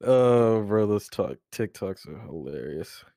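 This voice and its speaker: A man's voice: fairly low pitch, expressive, takes it slowly, dark tone, no room sound, clean studio sound. A man co-hosting a casual comedy chat, laid-back and full of slang. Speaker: co-host.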